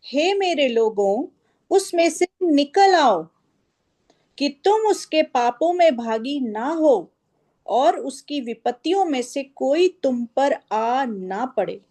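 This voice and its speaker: A woman in a Bible study reading scripture verses aloud in a slow, measured way. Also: sits high, lively intonation, mellow.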